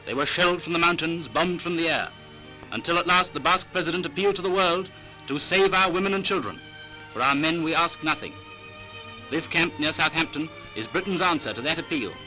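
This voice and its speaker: A man's voice: fairly high pitch, fairly quick, bright, forceful tone, low-quality recording. A man narrating an old newsreel in a dramatic, declaiming commentary style. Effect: old newsreel soundtrack with music. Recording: old newsreel sound with music behind.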